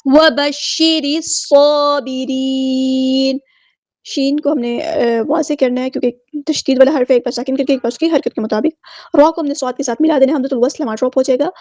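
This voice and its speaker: A woman teaching Quran recitation rules word by word, chanting each word slowly and then explaining it in quick, plain speech. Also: sits high, mellow, no room sound. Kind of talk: tajweed lesson, word by word explanation.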